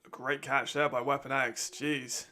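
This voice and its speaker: A man's voice: mid-range voice, little pitch movement, unhurried, pushed and bright. A man giving casual, chatty live commentary while watching a football game, laughing often and trailing off mid-thought.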